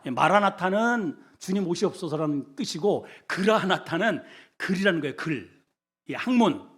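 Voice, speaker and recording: A male senior pastor preaching a sermon, asking the congregation questions, with sudden loud bursts and quiet low asides. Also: animated, moderate pace, husky. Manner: shouts often in his preaching; asks the congregation questions and has them repeat words.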